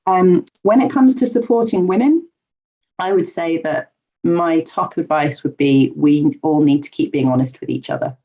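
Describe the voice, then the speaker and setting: A woman life coach, interviewed as a podcast guest, answers in an earnest, chatty way with ums and light laughter. Her voice is low-pitched and mellow at a moderate pace, heard through dull lo-fi remote audio.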